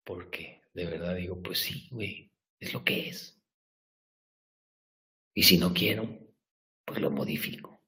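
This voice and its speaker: A man with a Mexican Spanish accent giving a blunt, profane motivational rant to his viewers, swinging from hushed to shouting. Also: low-pitched, slow pace, long pauses.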